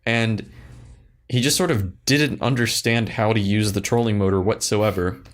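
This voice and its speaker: A man's voice: on the low side, steady tone, normal speed. A young man co-hosting a podcast in casual chat, blunt and grumbling about people. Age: young adult. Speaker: podcast co-host.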